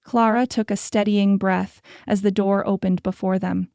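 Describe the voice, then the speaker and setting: A woman reads a historical romance audiobook in a measured, storytelling way. Her voice is mellow and dark with a gravelly edge. The recording is close and dry, with no room sound. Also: mid-range voice, fairly even intonation, no room sound. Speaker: audiobook narrator. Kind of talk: scripted narration.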